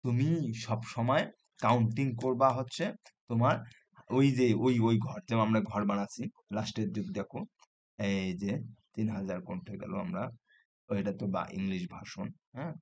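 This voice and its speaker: A man's voice: lowish voice, fairly even intonation. Patient man teaching math. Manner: patient, repeats "হ্যাঁ?" to check students follow; counts place values slowly aloud. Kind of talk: classroom math lesson.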